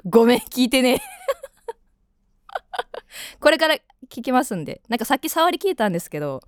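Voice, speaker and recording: A woman's voice: on the high side, very animated, brisk, no room sound, studio quality. A woman in her twenties with a Kansai accent, hosting a radio show in casual, rambling chat full of fillers. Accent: Kansai Japanese. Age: 20s. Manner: chatty, rambling, with frequent fillers. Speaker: radio host.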